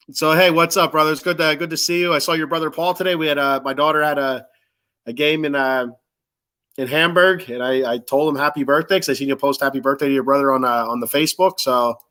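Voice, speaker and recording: Stuffed up with a cold, a middle-aged man hosts a casual sports fan livestream, chatting informally and ramblingly and greeting commenters. His medium-pitched voice is bright and forceful, fairly quick, with fairly even intonation.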